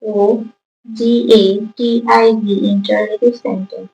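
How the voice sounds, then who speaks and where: Slow-spelling woman teacher, echoey room. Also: medium pitch, fairly even intonation, vocal fry, a little mellow, lo-fi sound, faint music behind. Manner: spells answers out letter by letter; reads English prompts slowly, then explains in Bengali. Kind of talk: exam answer walkthrough lesson.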